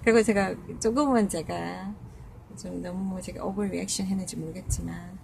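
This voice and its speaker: A woman's voice: lowish voice, steady tone, moderate pace, creaky, a little mellow, slight background noise. A woman caregiver telling a personal story in casual talk, hesitant with many fillers and restarts, acting out what others said.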